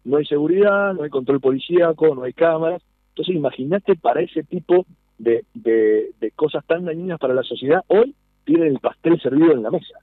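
A man in his thirties speaks with an Argentine Spanish accent and a fairly high pitch, talking fairly quickly with no room sound. Representing a nightlife business in a phone interview over a tinny line, he earnestly explains a policy and asks for agreement.

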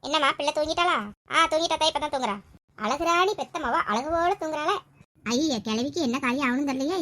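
A woman plays the household's quarreling family members in a comedy skit. Her voice is high and bright, and she scolds and nags in a rapid stream. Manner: scolding, nagging banter. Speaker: skit creator playing family roles.

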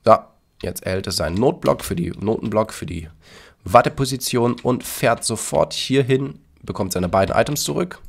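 A man's voice: medium pitch, lively intonation, moderate pace, gravelly, slightly rough. A man casually commenting on his Minecraft build and explaining it to his viewers. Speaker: YouTuber demonstrating a Minecraft build.

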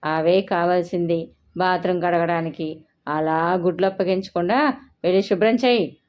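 A woman's voice: fairly low pitch, moderate pace, close to an everyday voice. A woman narrator voicing a bossy, short-tempered young husband who scolds and barks orders, in a storybook reading. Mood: angry. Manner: scolding, commanding, shouting. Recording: dull lo-fi recording.

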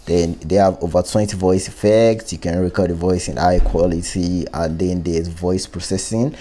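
Recorded as a voice-over on a close, one-way mic, this man hosts a casual tech tutorial, walking through an app step by step in an informal way. He speaks at normal speed in a low, steady, dark-toned voice, with slight background noise.

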